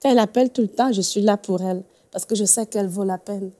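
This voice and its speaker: A woman's voice: mid-range voice, quick pace, mellow. A woman guest on a faith talk show, telling a story earnestly and laughing often.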